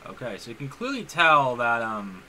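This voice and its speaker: A man's voice: medium pitch, big pitch swings, moderate pace, bright, forceful tone, slight background noise, rough recording. A man giving casual let's-play commentary on his own channel, rambling, often restarting his sentences and leaning on "honestly.". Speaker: gaming YouTuber.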